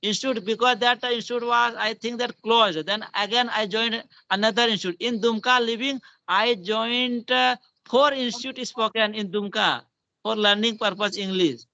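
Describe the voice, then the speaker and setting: A man's voice: sits high, moderate pace, sharp tone, dry recording. A man in his thirties with an Indian accent, chatting in broken English with frequent repeats and self-corrections. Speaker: English learner. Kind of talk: casual spoken-English practice chat. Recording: dull lo-fi online call.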